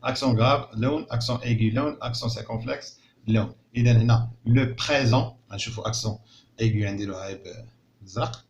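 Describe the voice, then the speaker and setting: A man's voice: mid-range voice, dull audio, a little hiss or hum. Moroccan male teacher drawing out words. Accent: Moroccan Arabic. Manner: slow, drawn-out word repetition; explains French words in Arabic. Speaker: primary school teacher. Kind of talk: recorded classroom lesson.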